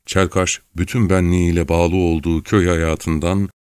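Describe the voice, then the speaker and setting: Deep man reading a novel aloud, steady and dry, no room sound. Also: normal speed, clean tone, dry recording. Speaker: audiobook narrator. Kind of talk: scripted literary narration.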